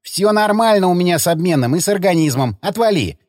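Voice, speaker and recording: Play this as a man voicing a brash young hothead in an audiobook, pitched well above your own voice, loud and mocking, always ready to pick a fight. Keep it dry and close to the mic. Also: lively intonation, no room sound. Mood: grumbling. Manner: loud, mocking and quick to bicker. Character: grumbling young man, brash and hot-tempered.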